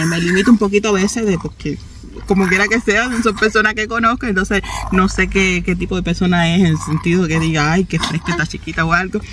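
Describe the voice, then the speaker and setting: A woman's voice: mid-range voice, background noise. A Cuban woman in her thirties with a Cuban Spanish accent, telling a story to her phone camera from the back seat of a car. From Cuba. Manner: chatty, animated, laughs often. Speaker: vlogger. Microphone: phone held at arm's length.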